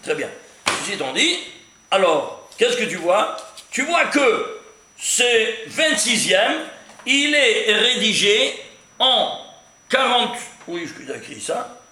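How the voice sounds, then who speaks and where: A man leads an animated Torah lesson as a rabbi, firing questions and counting through numbers aloud. His voice sits high and bright, swinging widely in pitch. The room is echoey. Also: takes it slowly, a little hiss or hum. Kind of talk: lively Torah lesson with gematria.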